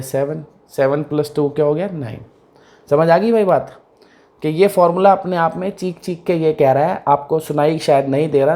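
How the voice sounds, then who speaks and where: A man's voice: a little high, mellow. A man teaching a math lesson in a casual, conversational way, often asking students whether they follow. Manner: conversational, repeats questions to check understanding.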